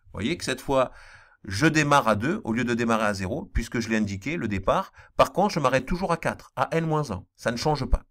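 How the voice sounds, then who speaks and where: A man with a slight accent walks students through a programming lesson at a mid-range pitch. He explains patiently and repeats the important points, with the odd filler between steps. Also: lively intonation, fairly quick, a bit bright. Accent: non-standard accent he apologizes for. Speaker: math teacher. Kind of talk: screen-recorded programming lesson.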